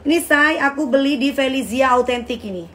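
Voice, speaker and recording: A woman's voice: sits high, fairly quick. A middle-aged woman hosting a casual live stream, brash and trash-talking, calling her viewers darling. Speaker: live-stream host selling bags.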